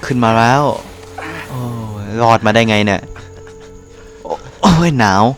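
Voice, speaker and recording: A man talks through his game in a casual, excitable way, firing off quick exclamations and joking as he plays. His voice sits in the middle range. Faint music plays underneath. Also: medium pitch. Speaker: gameplay commentator. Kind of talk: casual let's-play commentary.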